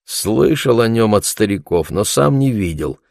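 A stubborn old shepherd of about sixty speaks bluntly and forcefully in an audiobook, as a man reads him. His voice sits low and the sound is dry and close. Each word comes out firm and decided. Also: animated, unhurried, vocal fry, dry recording.

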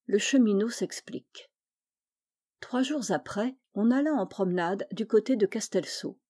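A woman reads a classic children's novel aloud in a clear, measured way. Her voice is mellow and warm, and her pitch is moderate. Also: animated. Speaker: audiobook reader. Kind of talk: storybook narration.

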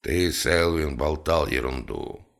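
A man's voice: extremely low pitch, gravelly, bright, forceful tone, pitched below the performer's own voice, heavily acted. A man doing a curt, domineering boss. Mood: firm. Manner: curt, firm, slow commands. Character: firm, domineering male businessman boss.

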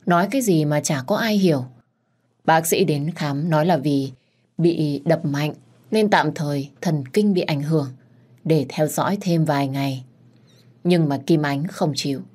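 Low-voiced woman telling a story. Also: a little mellow. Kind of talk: first-person story narration.

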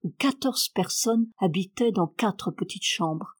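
A woman narrating a classic novel as an audiobook, in a calm, measured reading style. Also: medium pitch, breathy edge. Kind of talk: scripted literary narration.

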